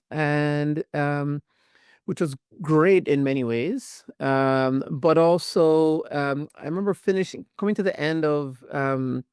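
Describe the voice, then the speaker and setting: A male professor who grew up in Jamaica answers interview questions in a thoughtful way, pausing often with fillers. His voice is smooth and clear. The sound is dry and close to the mic. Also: mid-range voice, no room sound. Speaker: guest, professor. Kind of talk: academic interview.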